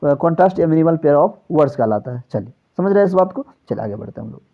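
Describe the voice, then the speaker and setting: A man's voice: lively intonation, fast. A male teacher giving an exam-prep lecture, who keeps asking his own questions and answering them and lets his voice drop at the end of phrases. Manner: drops pitch on closing phrases. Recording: slightly dull, lo-fi recording.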